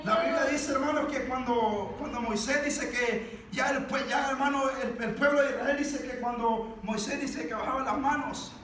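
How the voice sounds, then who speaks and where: A man preaching a fervent sermon, shouting his praises and calling the listeners "brother" again and again, while a congregation answers amen. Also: very high-pitched, fairly even intonation, moderate pace, few pauses, slight background noise. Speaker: lay preacher. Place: church hall. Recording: echoey church, from far off.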